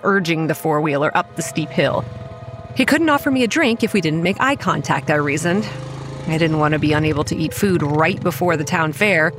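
An actress voices a young campground manager, wary and anxious, who tells a horror audio drama in the first person. Her female voice sits on the low side and sounds close to how she'd talk every day.

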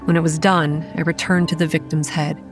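In a horror audio drama, a young actress plays the lead: a hot-headed, guarded, stubborn woman who manages a campground. Over faint music, she narrates and speaks dialogue in first person with a lower register, level tone, and slightly quick pace. Her storytelling is earnest and dramatic with a sardonic bite, though the mood here is measured and explanatory.

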